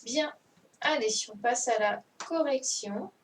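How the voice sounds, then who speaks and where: A woman teacher speaks slowly and patiently through a dictation correction in an online class. She sits a little back from her computer mic, with a faint hiss behind her. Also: high-pitched. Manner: patient, repeats and checks understanding. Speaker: primary school teacher. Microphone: computer mic on a video call. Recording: distant mic with faint noise.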